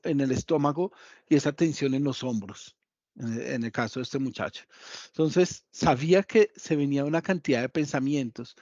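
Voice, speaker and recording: A man's voice: fairly high pitch, a little mellow, dry recording, lo-fi sound. A man giving a motivational psychology lesson, repeating key points and speaking directly to his listeners.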